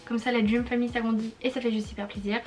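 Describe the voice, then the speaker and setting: A young woman with a slightly high voice talks through her purchases for her vlog audience. She rambles easily, filling her sentences with hesitations and restarts in a relaxed, casual way. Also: fast, faint music behind. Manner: chatty, rambling with many fillers and restarts. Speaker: YouTuber. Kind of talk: casual product review vlog.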